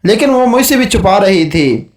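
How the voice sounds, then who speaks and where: Guy reading a horror story aloud, high voice, steady and dramatic, mic kinda far. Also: reverberant. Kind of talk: audiobook horror story narration.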